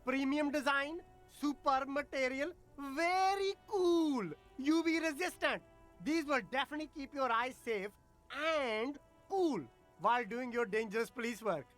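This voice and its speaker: A woman playing an eager street vendor in a video game, flattering customers with salesy market patter. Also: high-pitched, a little slow, faint music behind. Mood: flattering sales pitch.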